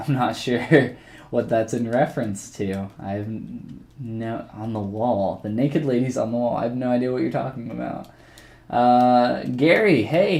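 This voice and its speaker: A gravelly, mid-range voice belongs to a man sculpting during a casual live-stream tutorial. He rambles in a relaxed way, voicing his thoughts and replying to chat.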